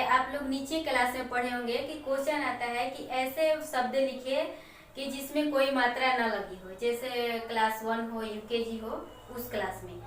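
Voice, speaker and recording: A woman teacher explaining a Hindi lesson to children slowly and step by step, with example words. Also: sits high, fairly bright tone. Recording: echoey room, mic far off, faint noise.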